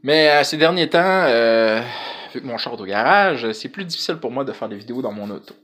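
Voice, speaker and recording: A man's voice: medium pitch, animated, a little fast, fairly bright tone. A man with a Quebec French accent chatting casually to camera as a vlogger, hesitant and rambling, in colloquial slang.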